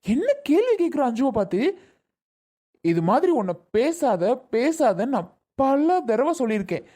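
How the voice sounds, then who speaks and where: A woman's voice: mid-range voice, a little fast, a little mellow, natural voice. A woman playing a protective young husband who scolds his sister and comforts his wife in a family skit. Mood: scolding. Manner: scolding, exasperated.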